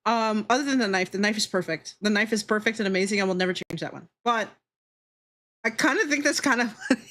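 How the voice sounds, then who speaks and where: Talking fast in a medium-pitched, slightly bright voice, a VTuber draws on stream and chats casually with viewers. Her manner is playful and giggly, full of teasing and free swearing.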